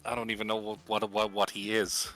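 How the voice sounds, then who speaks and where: A man's voice: on the low side, completely flat delivery, a little fast, a bit bright. A man chatting casually and jokingly through a game, reading text aloud, exclaiming and repeating himself for comic effect. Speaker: video game let's player. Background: music.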